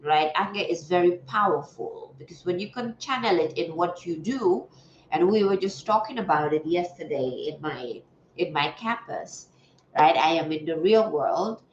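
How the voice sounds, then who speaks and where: Stuffy-nosed and chatty, this female livestream host greets her viewers from a home table setup, her fairly low voice expressive at a moderate pace. A little hiss or hum sits on the dull, lo-fi audio, recorded in an echoey room.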